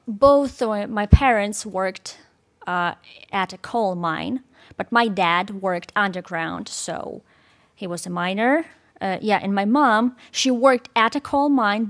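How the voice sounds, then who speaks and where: A woman from Ukraine with a Ukrainian accent, giving an informal talk to an audience, hesitant and searching for words. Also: medium pitch. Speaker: guest speaker. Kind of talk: informal presentation with audience quiz.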